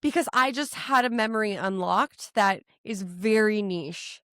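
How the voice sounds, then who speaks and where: A woman in her thirties co-hosting a podcast, excitable and swearing, often restarting as she tries to remember. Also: mid-range voice, measured pace, no echo, studio quality. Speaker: podcast co-host. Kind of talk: casual chat.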